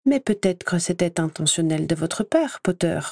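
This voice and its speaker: A woman reading an audiobook voices a sneering, spiteful male professor who speaks slowly and mockingly. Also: fairly low pitch, expressive, gravelly, darkish tone, no room sound. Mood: scornful. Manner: slow, scornful, mocking.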